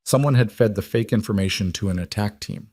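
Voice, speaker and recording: Low dry male narrator reading a crime story, steady and dramatic. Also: fairly quick, no echo. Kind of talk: scripted audiobook narration.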